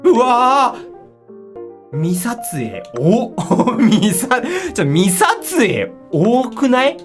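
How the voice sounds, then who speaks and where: A woman giving excitable commentary on a horror game, easily startled, often exclaiming and repeating her words. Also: medium pitch, slow. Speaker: game streamer. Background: music.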